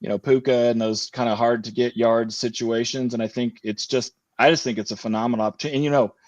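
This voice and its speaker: A man's voice: medium pitch, steady tone, fast, no room sound. A man talking fantasy football as a podcast guest in casual chat, rambling with lots of fillers and restarts. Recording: dull lo-fi remote audio.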